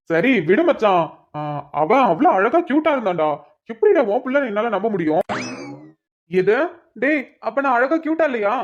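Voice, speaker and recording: A grumbling cartoon friend. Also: female voice, fairly high pitch, big pitch swings, normal speed, soft background music. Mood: bantering. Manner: complaining, teasing banter. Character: grumbling male friend, complaining and joking. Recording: dull lo-fi recording.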